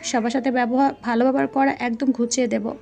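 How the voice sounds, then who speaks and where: A woman's voice: a little high, flat delivery, fast talker, gravelly, warm tone, soft background music. A woman voicing a hot-tempered, jealous young husband who speaks in angry, clipped threats.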